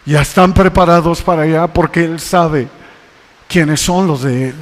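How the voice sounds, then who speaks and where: Male pastor, high voice, fervent sermon delivery, long church reverb. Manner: preaching with rising exhortations and slow emphatic scripture reading. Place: church sanctuary.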